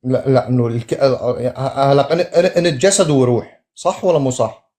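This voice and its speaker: Man, debate opponent, halting, stumbles over words, mid pitch. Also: dark tone. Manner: halting, stammering, restarts words. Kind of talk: heated religious debate.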